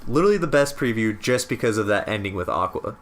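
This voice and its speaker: Excitable young man with a lowish voice. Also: fast. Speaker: video game trailer reviewer. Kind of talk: casual chat. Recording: steady background room noise.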